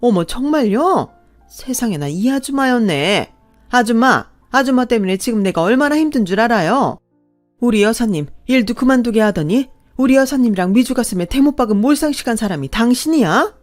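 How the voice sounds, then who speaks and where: Voicing a rich, fiercely protective middle-aged woman, a woman speaks a little fast in a slightly high, animated natural voice. Her tone is indignant and full of commands, and faint music plays behind her.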